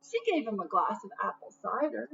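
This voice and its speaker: A woman with a brisk, gravelly, mid-range voice reads a storybook aloud to children, expressive and pitched toward young listeners. She adds asides to the narration and asks her audience questions. The lo-fi recording sounds dull, with faint noise.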